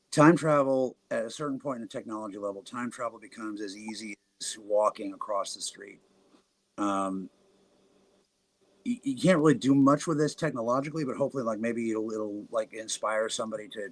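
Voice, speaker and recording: A man's voice: on the low side, moderate pace, no room sound, poor audio. A man on a podcast explaining his ideas earnestly, often restarting his sentences. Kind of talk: casual podcast chat.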